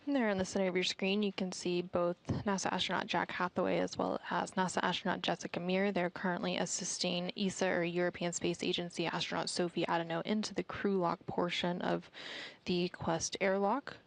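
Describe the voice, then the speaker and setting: A woman commentator with a lowish, noticeably creaky voice. She explains things in a measured, informative way, keeping her intonation very even throughout. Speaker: live spacewalk broadcast commentator.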